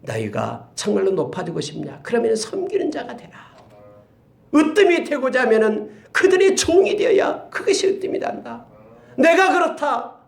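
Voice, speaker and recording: Dramatic gravelly-voiced male pastor. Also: very high-pitched, huge pitch swings, moderate pace. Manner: dramatic, swings from loud exclamations to hushed whispers. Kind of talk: sermon. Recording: roomy echo.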